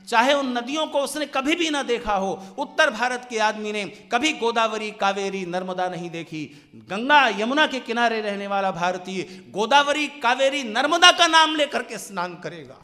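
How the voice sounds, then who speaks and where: A male preacher with a high, bright voice delivers an impassioned sermon. He swings from ringing declarations to hushed, slowed phrases. His words trail off into a long reverb in a large hall. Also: lively intonation. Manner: impassioned oratory, swinging from loud declarations to hushed, drawn-out lines. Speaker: Arya Samaj preacher. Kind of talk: Hindi sermon on national pride.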